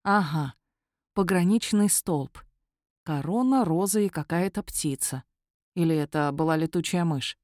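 A woman reading a first-person fantasy story aloud with a wry, lively storytelling manner. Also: fairly low pitch, measured pace, no room sound, clean studio sound. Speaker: narrator. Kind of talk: first-person audiobook narration.

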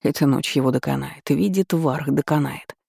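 A man voicing a curt, sarcastic dark magister in a fantasy audiobook. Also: a little high, normal speed, creaky, husky, no room sound, clean studio sound, exaggerated voice. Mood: gruff. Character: gruff grim male dark magister.

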